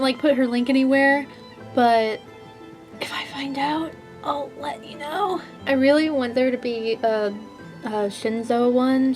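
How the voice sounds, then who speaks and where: A young woman with a fairly high voice chats through her convention haul, bubbly and giggly, piling on "like" as she gushes. Faint music plays softly underneath her casual vlog. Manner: bubbly and giggly, lots of "like" and gushing. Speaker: vlogger.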